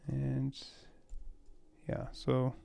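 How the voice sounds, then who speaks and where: A man's voice: medium pitch, monotone, very slow, vocal fry, warm tone. A man casually thinking aloud as he writes code, rambling with fillers and exasperated laughs. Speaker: web developer coding on a live stream.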